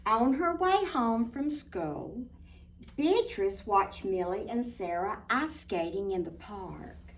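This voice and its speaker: A woman reading a picture book aloud expressively, deliberate and emphatic, with little asides to young listeners. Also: medium pitch, lively intonation. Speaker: children's storybook reader, teacher. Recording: distant microphone.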